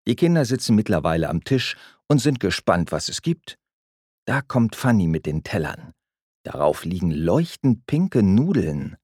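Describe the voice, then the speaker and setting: A man reading a children's story aloud, gentle and expressive. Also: fairly low pitch, a little slow, breathy edge, no room sound, studio quality. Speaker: narrator.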